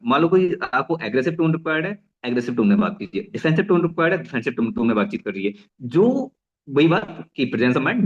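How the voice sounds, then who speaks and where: Fast-talking business trainer, man. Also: medium pitch, lo-fi sound. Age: young adult. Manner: energetic, repeats and restarts phrases; mixes English phrases into Hindi. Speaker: network marketing trainer. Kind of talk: motivational business talk.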